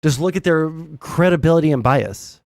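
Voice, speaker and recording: A young Southern Arkansas man with a Southern accent hosts a live stream, reading chat and giving blunt, rambling commentary packed with fillers and swearing. His voice is fairly high, expressive and a little mellow at a moderate pace. The studio-quality audio has no echo.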